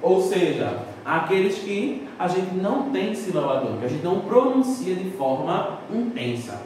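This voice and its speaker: A male teacher with a fairly high voice that rises and falls a lot as he explains a grammar point. He asks rhetorical questions and answers them himself. He sounds a little distant from the mic, in a very echoey room with faint background noise. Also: very animated, normal speed, a little mellow. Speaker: school Portuguese teacher. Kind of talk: recorded classroom lesson.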